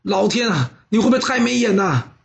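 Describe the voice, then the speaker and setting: Anguished fugitive general, frets then wails high, a guy putting him on. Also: quick pace, slightly rough. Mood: despairing.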